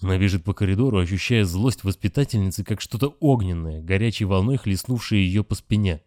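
A man reading a novel aloud as narrator, steady and measured. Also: low-pitched, no room sound, studio quality. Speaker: audiobook narrator. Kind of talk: scripted narration.

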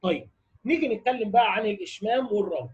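A man's voice: high voice, racing, slightly rough, highs cut off. A man with an Egyptian accent giving a classroom lecture on Quran recitation rules, quoting texts and asking his students checking questions. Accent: Egyptian Arabic. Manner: explains, quotes texts, then asks students checking questions. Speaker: teacher.

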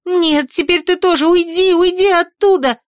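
A woman's voice: high-pitched, fairly even intonation, moderate pace, a bit bright, no echo, clean studio sound, pitched above the performer's own voice. A woman voicing a frightened young heroine, urgent and pleading, in an audiobook. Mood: desperate.

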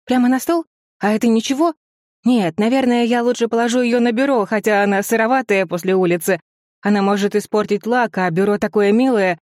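A man's voice: high-pitched, a little mellow, no echo, clean studio sound, voice pushed up, natural voice. A man doing a flustered anxious young woman. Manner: breathless rapid chatter. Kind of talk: audiobook character voice.

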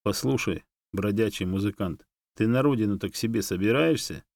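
A man's voice: fairly low pitch, fairly quick, gravelly, darkish tone, dry recording. A man voicing a sarcastic, know-it-all female monkey who teases and mocks her friend. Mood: teasing. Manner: teasing, mocking.

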